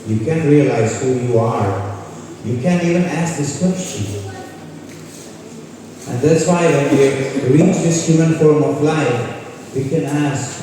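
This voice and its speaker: This is a man from Croatia, a spiritual speaker who leads kirtan, chatting informally and questioning a live audience inside a large hall. His voice sits on the high side and sounds mellow, distant from the microphone amid echo.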